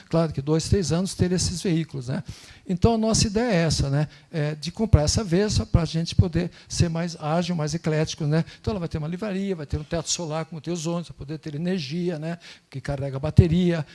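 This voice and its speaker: A man speaking informally as a guest missionary at a church service, telling animated stories and tagging phrases with "né?", on a handheld mic in a church. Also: high voice. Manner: animated storytelling, acts out dialogues, frequent tag "né?". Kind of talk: informal church talk with anecdotes. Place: church sanctuary.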